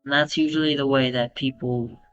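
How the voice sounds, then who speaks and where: A man giving explanatory voice-over commentary that breaks down a comedy segment, talking in a halting way with fillers. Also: mid-range voice, steady tone, a bit bright, dull audio, faint music behind. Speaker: video commentator.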